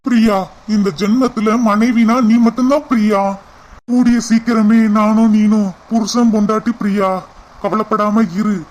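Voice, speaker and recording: A man's voice: sits high, little pitch movement, moderate pace, darkish tone, close to an everyday voice. A man voicing a sweet-talking young village man. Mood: soothing. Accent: Tirunelveli Tamil. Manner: soothing, reassuring.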